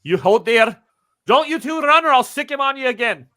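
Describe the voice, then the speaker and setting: A man's voice: expressive, normal speed, clean tone, heavily acted. A man voicing a suspicious, threatening cemetery watchman who barks orders at trespassers in a tabletop game. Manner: barking orders, loud and high-pitched.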